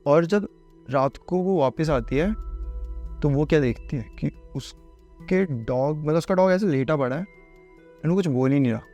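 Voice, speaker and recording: A man's voice: on the high side, a little slow, long pauses, dark tone, faint music behind. A man casually narrating a horror storytime, chatty and conversational, calling the listener bhai.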